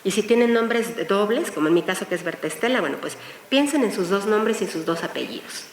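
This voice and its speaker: A woman's voice: mid-range voice, lively intonation, a little fast. A woman speaking at a women's forum, addressing a live audience and guiding them through a visualization exercise. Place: hall with an audience. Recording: echoey hall, far from the mic, faint hiss.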